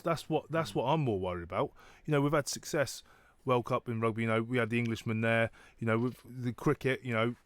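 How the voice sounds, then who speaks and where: A male guest on a sports radio show talks bluntly and argues his view in plain words, often repeating himself as he goes. His pitch is in the middle range. The studio sound is close and dry. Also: no room sound. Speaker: studio guest, former rugby player.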